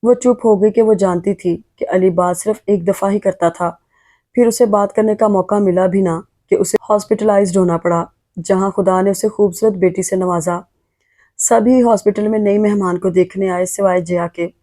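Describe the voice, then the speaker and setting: A woman narrating a romance novel in a steady, measured storytelling voice. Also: medium pitch. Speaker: audiobook narrator.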